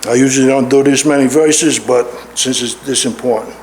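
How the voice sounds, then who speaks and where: A man's voice: mid-range voice, fairly even intonation, normal speed, darkish tone, a little hiss or hum. A middle-aged man preaching a sermon in a church, stressing and repeating his key words. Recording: roomy echo in a large hall.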